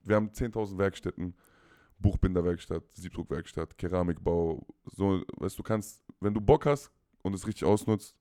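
A young man in his twenties with a very low, deep voice talks casually as a podcast guest. He rambles, stacks up fillers and repeats words as he searches for what to say. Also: moderate pace, mellow. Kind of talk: casual call-in chat.

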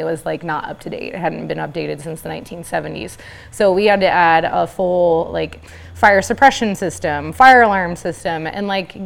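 Chatty young woman, lowish voice. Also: vocal fry. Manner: chatty, laughs often, many fillers like "like". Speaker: interview guest, business owner. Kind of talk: casual interview talk.

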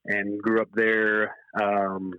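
Over a boxy, echoey, band-limited remote call with narrow, tinny audio, a man in his forties gives a relaxed interview as a horse racing professional. Born in Zimbabwe and raised in California from age eight, he speaks earnestly and reflectively in stop-start phrases. His lowish voice is clear and resonant, with a flat delivery and a slow pace.

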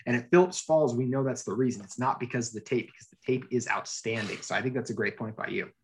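A man hosting a casual podcast chat, energetic and emphatic as he leads the talk. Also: mid-range voice, fast talker. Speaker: podcast host.

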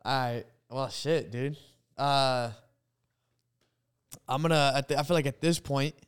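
A man's voice: mid-range voice, measured pace, clear, resonant tone. Slangy frat-bro man on a sports podcast. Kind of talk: casual banter in a sports draft game.

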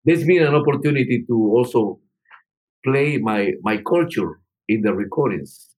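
An older Peruvian musician, a guest in an interview, tells stories in rambling answers full of "you know" and restarts. His medium-pitched voice has a darkish tone and lively intonation at a normal speed, and the recording is rough.

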